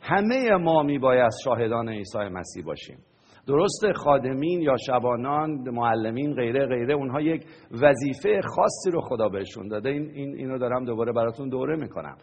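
A man's voice: medium pitch, expressive, a little mellow, husky. A man preaching a sermon to a congregation, teaching and often asking them questions. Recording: long hall reverb.

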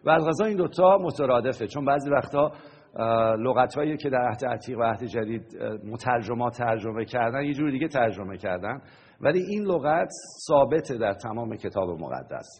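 Husky man preaching in reverberant hall. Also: medium pitch, expressive. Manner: teaching, asks the congregation questions. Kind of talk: sermon.

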